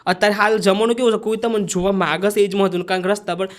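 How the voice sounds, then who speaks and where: A man's voice: high voice, level tone, rapid-fire. A young man with a Sabarkantha Gujarati dialect, a vlogger and dancer telling his story as a podcast guest in a chatty way and acting out the lines he quotes. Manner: chatty, acts out quoted lines of himself and others.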